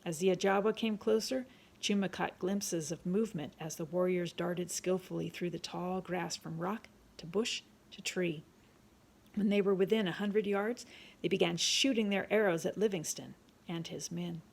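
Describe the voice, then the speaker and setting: A grandmotherly woman over sixty reading a chapter book aloud in a calm, steady storytelling manner. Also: lowish voice, moderate pace, vocal fry.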